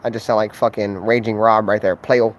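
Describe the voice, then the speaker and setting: A man's voice: on the low side, flat delivery, a little fast. A man streaming live as a sports fan, trash-talking in a loose, profane, slang-heavy way and rambling with lots of fillers. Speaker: sports livestreamer. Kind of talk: casual livestream trash talk.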